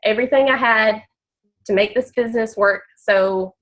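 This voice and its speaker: A woman's voice: a little high, moderate pace, a bit bright, low-quality recording. A woman with a nasal, congested voice from blocked sinuses, chatting openly about her story and tips on a group call. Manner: open, chatty, repeats words. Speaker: team member telling her story. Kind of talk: casual personal talk on a group call.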